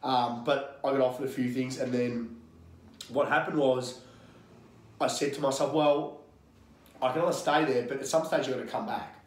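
In an echoey indoor gym, an Australian strength coach in his thirties gives a podcast interview, brash, fired-up and cursing freely. His pitch is medium and his intonation fairly even, at a normal speed broken up by long pauses.

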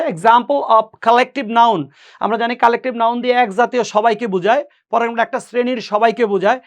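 A Bangladeshi man in a recorded exam-coaching lesson, explaining English grammar patiently, repeating key points and mixing English into his talk. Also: very high-pitched. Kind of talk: recorded lecture explaining past exam questions.

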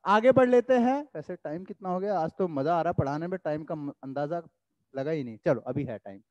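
A young man teaching an online English class, telling a story in an animated, chatty way and dictating sentences slowly. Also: a little high, no room sound, muffled recording.

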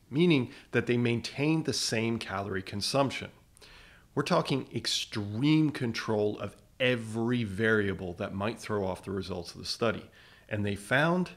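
Male science explainer, lower pitch, punchy rhetorical delivery. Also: fairly bright tone. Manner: emphatic, rhetorical questions. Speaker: science educator. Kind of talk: scripted explainer narration.

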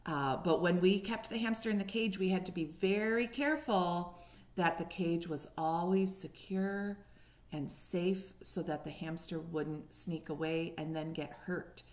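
Unhurried and fairly low in pitch, a woman in her forties reads a picture book aloud with expression in a living room. She speaks to young children animatedly, explaining and questioning them, and the room has a noticeable echo.

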